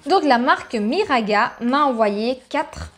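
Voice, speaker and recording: A woman's voice: high voice, expressive, a little slow, faint music behind. Chatty Italian-accented woman unboxing beauty products. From Italy. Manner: chatty, enthusiastic, reads product blurbs aloud. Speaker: beauty vlogger. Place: at home, filming on a phone.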